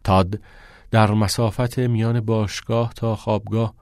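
A man narrating an audiobook in a calm, measured reading. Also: on the low side, no echo, studio quality. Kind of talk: scripted narration.

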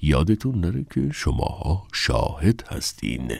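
A man's voice: low voice, sing-song, gravelly, husky, dry recording, exaggerated voice. Man playing a flustered male manager in a dry booth, stammering and placating. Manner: hesitant, placating, full of "uh" fillers. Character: blustering adult male contest manager.

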